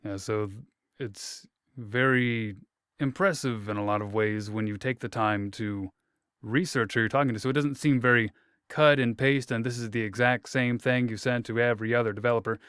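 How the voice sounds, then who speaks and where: An interview host asks long, rambling questions, correcting himself along the way with a light, joking manner. His medium-pitched voice is clear, resonant, and fairly bright, with fairly even intonation at a moderate pace, captured dry in studio quality.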